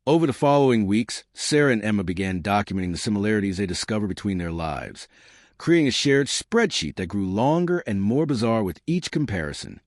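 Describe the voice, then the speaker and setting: A man giving measured scripted narration of a true story. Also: lowish voice, big pitch swings, no echo, clean studio sound.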